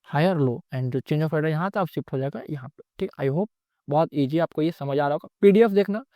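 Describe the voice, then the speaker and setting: A man's voice: fairly high pitch, brisk, dark tone, no echo, clean studio sound. A man teaching trading in a recorded lecture, explaining step by step and repeating himself often.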